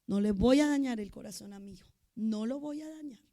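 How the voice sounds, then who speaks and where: A woman preacher with a high, bright voice. She delivers her sermon with feeling, dropping to quiet asides and then rising to sudden loud outbursts. She also acts out the voices of the people she quotes. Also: brisk. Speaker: pastor.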